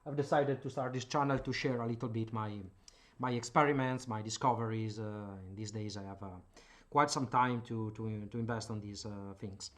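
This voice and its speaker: A man's steady, mid-range voice at normal speed carries an Italian accent; he's from Italy and hosts a hobbyist channel. Here he casually demonstrates and explains radio gear at his home workbench, hesitating and filling gaps with filler sounds.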